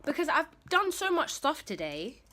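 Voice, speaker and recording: A woman's voice: sits high, very animated, moderate pace, very noisy. A woman chatting candidly to her phone camera in her bedroom, rambling and talking while she eats. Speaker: vlogger. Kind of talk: casual vlog chat.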